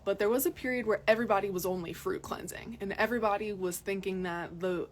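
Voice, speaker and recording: This health vlogger, a young adult woman from Massachusetts, speaks fast in a steady, mid-range voice. She's out in the cold mountains recording a live phone video, chatting casually to viewers and repeating words for emphasis.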